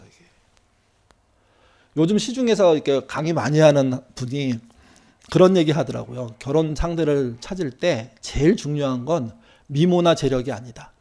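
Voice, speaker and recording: Lively-voiced male pastor preaching. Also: fairly high pitch. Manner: conversational preaching with acted-out quotes. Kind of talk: sermon.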